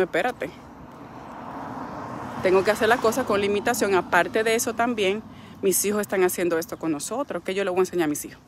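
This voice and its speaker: A woman's voice: fairly low pitch, a little hiss or hum. A middle-aged Dominican woman speaking with a Dominican Spanish accent, a wellness coach giving a frank, preachy, faith-based motivational talk. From Dominican Republic.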